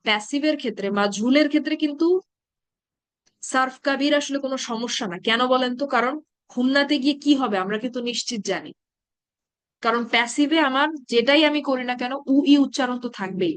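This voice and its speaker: A woman teaching an online grammar class, patiently checking that students follow and reciting verb patterns slowly. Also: fairly high pitch, dry recording.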